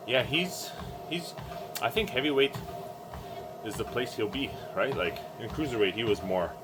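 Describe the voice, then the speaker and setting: A man giving casual, halting solo sports commentary, thinking aloud while exercising on a treadmill. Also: low-pitched. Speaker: boxing vlogger giving fight predictions. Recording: music playing behind the voice.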